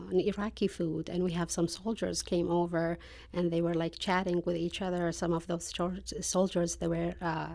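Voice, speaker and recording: A woman's voice: fairly low pitch, dark tone. A woman from Iraq being interviewed on the radio, speaking in simple phrases with hesitant fillers. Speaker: business specialist, guest.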